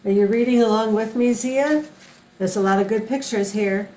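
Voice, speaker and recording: An older woman, a sweet old lady, reads a picture book aloud to a child in a gentle, unhurried way, as a grandmother would. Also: on the high side. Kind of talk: read-aloud storytelling with asides to a child. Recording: roomy echo, faint background noise.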